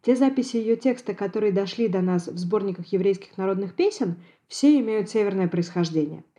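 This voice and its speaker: A woman, a Yiddish language expert, giving a precise, measured scripted lecture on dialects. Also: medium pitch, animated, dark tone. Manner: measured, precise academic delivery.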